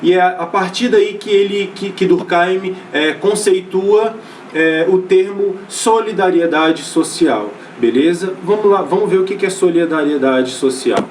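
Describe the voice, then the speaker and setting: Heard in a rough recording far from the mic with a little background noise, a Brazilian man delivers an online sociology lecture in a high-sitting voice at a measured pace. His Brazilian Portuguese-accented delivery is casual and loose, with many fillers, restarted phrases, and regular checks on his students.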